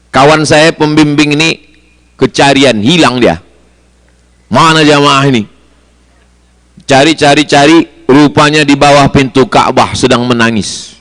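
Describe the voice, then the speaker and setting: Preacher, chanting, emphatic. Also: male voice, on the high side, sharp tone. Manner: chanting Arabic phrases in a sing-song melody; storytelling with rising emphatic lists. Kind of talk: sermon to pilgrims.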